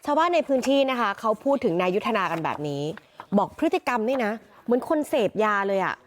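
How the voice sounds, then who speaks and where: A woman field reporter telling a news story in a chatty, animated way. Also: on the high side, quick pace, a little hiss or hum.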